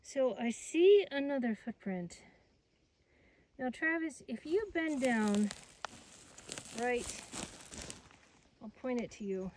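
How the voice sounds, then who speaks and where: A woman's voice: on the high side, expressive, takes it slowly, long pauses, darkish tone, a little hiss or hum. A woman hosting a hike outdoors in the mountains, chatting and musing aloud as she walks, tired and hot. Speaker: host of a Bigfoot investigation channel. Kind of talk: casual chat while hiking.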